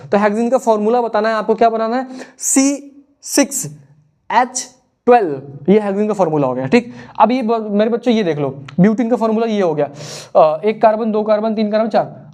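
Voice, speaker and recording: A man's voice: high voice, dark tone. A young man teaching a casual exam revision lesson, chatty, playing out imagined student questions and answers himself.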